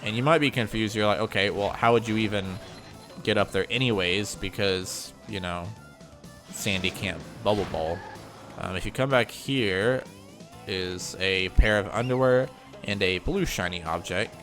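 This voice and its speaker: Faint music plays as a man with a fairly low, fairly bright voice talks at normal speed through a video game. His mild sinus congestion gives him a slightly nasal sound, and his casual walkthrough wanders, with lots of ums and corrections.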